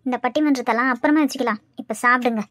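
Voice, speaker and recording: A woman's voice: a little high, racing, fairly bright tone, dry recording, studio quality, natural voice. A woman voicing a bossy young daughter-in-law in a cartoon, speaking with a Kanyakumari Tamil accent in a firm, scolding way.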